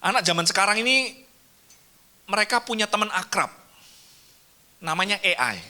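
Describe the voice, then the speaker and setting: An Indonesian pastor delivers a sermon in a church, his voice sitting somewhat high for a man. The tone is very bright and forceful, and he talks with earnest conviction, slipping into little acted-out exchanges to tell his stories. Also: animated, moderate pace. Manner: earnest, acts out short dialogues.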